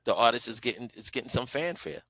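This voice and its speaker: A man's voice: mid-range voice, animated, quick pace, a bit bright, no echo, low-quality recording. A middle-aged man in casual conversation, speaking emphatically and repeating his key phrases as an interview guest. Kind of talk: casual chat.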